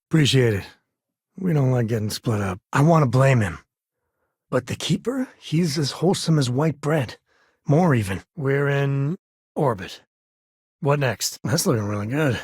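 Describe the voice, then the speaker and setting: Sam Coe, husky easygoing space cowboy. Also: male voice, mid-range voice, lively intonation, unhurried, no room sound, clean studio sound. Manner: folksy, conversational, wry. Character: easygoing, warm-hearted frontier spacefarer, a devoted father. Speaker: video game companion character. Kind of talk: video game character dialogue.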